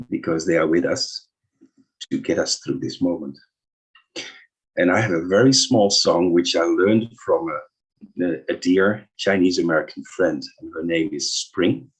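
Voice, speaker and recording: A man speaking gently and reflectively as a guest on a video call, with a few restarts. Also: sits low, breathy edge, poor audio. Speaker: guest singer. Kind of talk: casual spoken remarks then simple song.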